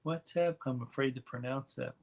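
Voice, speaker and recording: Male live streamer, mid pitch, easygoing and rambling, casual chat with viewers. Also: normal speed, creaky. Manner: relaxed, rambling, reads chat aloud.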